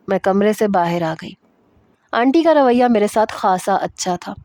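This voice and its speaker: A woman's voice: mid-range voice, dark tone, no echo, studio quality. A woman narrating a romance story in the first person, reading steadily and evenly.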